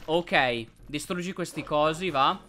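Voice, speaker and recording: A man hosting a let's play, commenting on gameplay and yelping excitedly at enemies. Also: on the high side, measured pace, slight background noise. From Italy. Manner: excitable, yelps and shouts at enemies.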